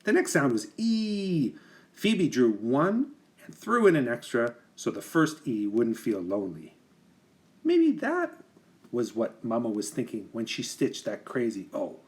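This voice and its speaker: With a measured pace, a man reads a picture book for children like a lively teacher. He lets his pitch swing up and down animatedly and stresses words carefully to help young listeners follow along.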